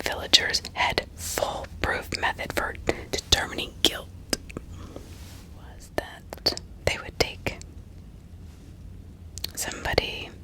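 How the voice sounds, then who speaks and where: A woman whispers breathily through a true crime tale in ASMR style, pausing often mid-sentence and tossing in asides to whoever's listening. Her sound is pushed and bright, and the recording is rough.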